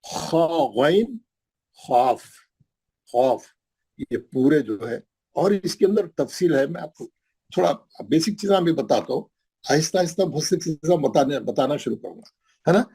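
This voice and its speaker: A middle-aged man teaching Quran pronunciation in an online class, patiently repeating each sound slowly for his pupils. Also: on the high side, animated, warm tone, breathy edge, poor audio. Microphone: video call.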